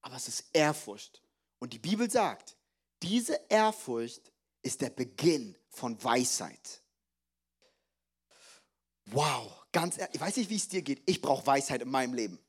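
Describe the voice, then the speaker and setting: A young man preaching a sermon as pastor, lively and joking, slipping in English phrases. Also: mid-range voice, a little slow, long pauses, breathy edge.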